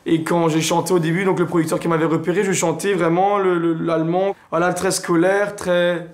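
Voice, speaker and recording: A man's voice: high-pitched, level tone, a little fast. A young man from Alsace, a singer answering interview questions hesitantly, with many fillers and restarts. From Alsace, France.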